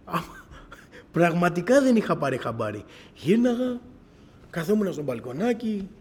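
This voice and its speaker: A middle-aged man with a high voice shares his personal testimony with a church gathering. He tells his story in an animated way and keeps quoting dialogue.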